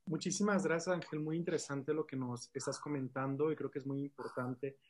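A man's voice: fairly high pitch, steady tone, fairly quick, a little hiss or hum. A man hosting, thanking the guest and asking follow-up questions. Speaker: host. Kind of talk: interview questions.

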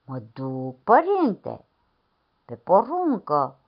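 A man's voice: high voice, heavily acted. A woman doing a cheeky young farmhand. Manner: cheeky, lively. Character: bold cheerful young peasant farmhand. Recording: dull lo-fi recording.

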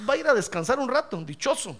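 A pastor delivers an animated sermon, his high, bright voice swinging widely between peaks and low asides. He addresses the congregation as brother, jokes with them, and mimics their complaints. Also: quick pace. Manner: animated preaching, calls listeners brother, acts out complaints.

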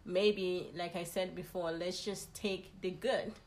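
A woman's voice: fairly low pitch, steady tone, slow. Emphatic woman giving advice. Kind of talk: casual conversation.

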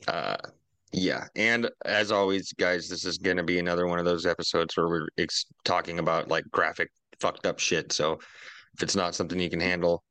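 Very low-voiced man, casual podcast host. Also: bright, forceful tone, clean tone, dry recording. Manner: laid-back, heavy swearing.

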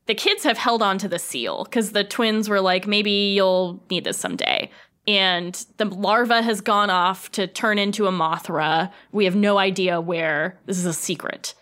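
A woman's voice: mid-range voice, moderate pace, fairly bright tone. A woman hosting a podcast, chatting casually and retelling film scenes with lots of laughter. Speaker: podcast host.

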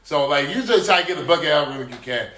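A man with a slightly high voice talks loosely and profanely with his friends. He is animated and laughs often. The sound bounces around an echoey room. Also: fast talker. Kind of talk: casual chat among friends.

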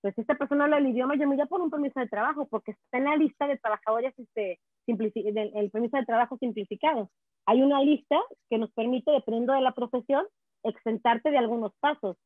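A Mexican woman, a guest speaking on immigration, talking in a chatty, quick way over a call. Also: on the high side, no echo. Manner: fast, chatty, restarts words. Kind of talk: casual chat. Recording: tinny dry phone line.

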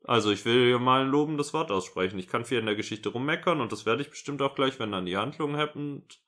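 A man's voice: mid-range voice, quick pace, fairly bright tone. A man co-hosting a podcast, chatting casually and sarcastically while reading a story aloud and mocking it. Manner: sarcastic, critical. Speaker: podcast co-host.

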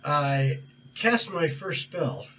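A man's voice: on the high side, big pitch swings, very slow. Brief: playful male player in a casual tabletop session, distant mic with faint hiss. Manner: playful, describes actions in character. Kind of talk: casual tabletop game banter.

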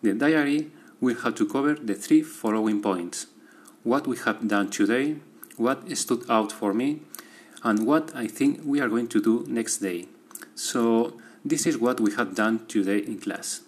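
A man, a student, reading out a prepared class diary in a steady, methodical way. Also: medium pitch, measured pace, husky.

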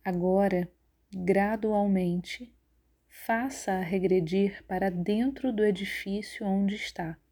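A woman with a mid-range voice guides a yoga nidra relaxation meditation, narrating in a calm, measured and instructive way.

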